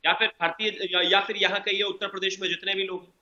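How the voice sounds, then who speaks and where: Man on a bad connection, bright and high. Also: little pitch movement, fast, reverberant. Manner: combative, fires rhetorical questions. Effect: bad connection, remote audio cutting in and out. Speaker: party spokesperson on a debate panel. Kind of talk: heated televised panel debate. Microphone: remote call link. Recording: dull lo-fi remote line, far from the mic.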